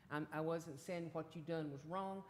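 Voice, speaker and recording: A woman's voice: deep voice, normal speed, slight background noise. A woman speaking plainly and firmly in a city council meeting. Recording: long reverb in council chamber.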